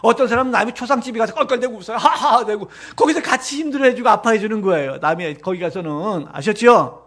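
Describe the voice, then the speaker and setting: A middle-aged man preaching a Sunday sermon as pastor, animated and joking, often mimicking other people's voices. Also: high voice, fast. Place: church sanctuary.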